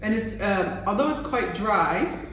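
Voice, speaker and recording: A woman's voice: medium pitch, lively intonation, unhurried. Woman in a very echoey room. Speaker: fellow taster. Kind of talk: casual tasting chat. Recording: very echoey room, faint noise.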